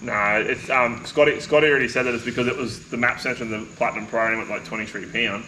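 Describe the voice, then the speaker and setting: Male podcast co-host, bright tone, casual mates' banter, slightly noisy recording. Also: mid-range voice, steady tone, fast. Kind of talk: casual chat between mates. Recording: faint background noise.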